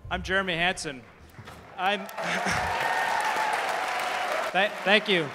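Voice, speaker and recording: A Canadian man presenting a live event as an astronaut, excited and projecting to the audience. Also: sits high, takes it slowly. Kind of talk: enthusiastic stage announcing. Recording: big echoey hall with crowd noise.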